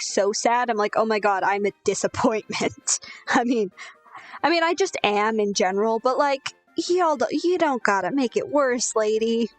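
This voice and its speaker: Young woman rambling over game music. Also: a little high. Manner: rambling, sweary, self-deprecating. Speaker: gaming streamer. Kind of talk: casual storytelling while gaming.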